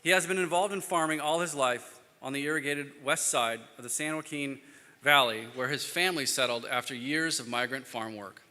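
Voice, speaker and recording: A man moderating a conference panel who reads formal speaker introductions and slips into quiet offhand asides. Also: medium pitch, moderate pace. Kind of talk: reading speaker bios at a conference. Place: conference hall. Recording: reverberant hall sound.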